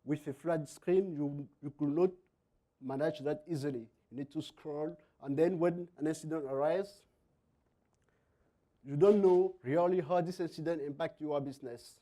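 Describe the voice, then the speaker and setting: A man from Cameroon with a French-Cameroonian accent gives a technical conference presentation in halting non-native English, sometimes repeating words. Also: on the high side, mellow. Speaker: conference speaker, software engineer.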